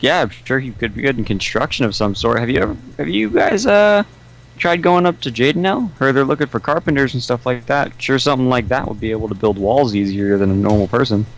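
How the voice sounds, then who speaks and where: A man's voice: medium pitch, fairly quick, close to an everyday voice, poor audio. A man voicing a friendly, matter-of-fact male blacksmith in a tabletop game. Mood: helpful.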